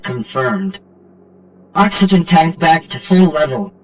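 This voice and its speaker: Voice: mid-range voice, big pitch swings, takes it slowly, a little hiss or hum. An actor voicing a malfunctioning ship robot with a glitching robot voice and clipped, mechanical phrasing. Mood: flat. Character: malfunctioning ship robot with flat, repeating alarms.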